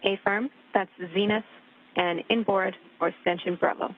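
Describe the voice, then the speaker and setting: A woman's voice: medium pitch, steady tone, normal speed. A woman from Canada relaying precise radio procedure calls as mission communicator, repeating each call back. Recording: tinny radio loop with faint hiss.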